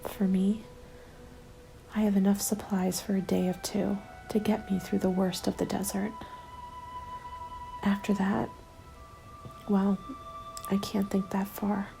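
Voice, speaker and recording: Whispering softly and breathily with a creaky edge, a woman of medium pitch slowly and deliberately reads a scripted ASMR story in the first person, her delivery hushed and very even. Instrumental music is clearly audible behind her, and the audio quality is poor.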